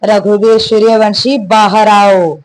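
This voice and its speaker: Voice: mid-range voice, level tone, takes it slowly, lightly acted, rough recording. A narrator voicing Samrat, a stern, furious young husband. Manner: stern, stresses each word. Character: furious young husband confronting his father.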